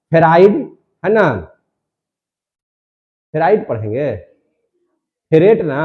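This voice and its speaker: A man's voice: fairly high pitch, lo-fi sound. A male chemistry teacher lecturing a classroom, repeating each question and drilling the answer emphatically.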